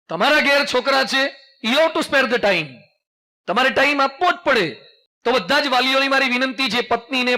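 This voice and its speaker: High, bright-voiced Gujarati monk preaching. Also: male voice. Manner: folksy storytelling with jokes and call-and-response; mixes English phrases into speech. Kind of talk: sermon.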